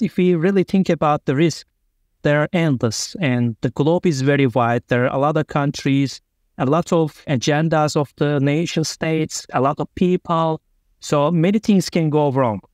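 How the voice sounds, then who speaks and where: A man's voice: on the high side, darkish tone, no room sound. Turkish-accented man, dry close sound. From Turkey. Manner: earnest, loosely phrased non-native English. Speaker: guest. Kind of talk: remote interview.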